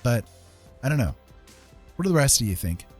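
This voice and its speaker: Quite animated and fairly quick, this man speaks in a mid-range voice that is a little mellow and husky. He's a digital artist hosting a casual stream, chatting while he paints, rambling, chuckling a lot and making fun of himself over background music.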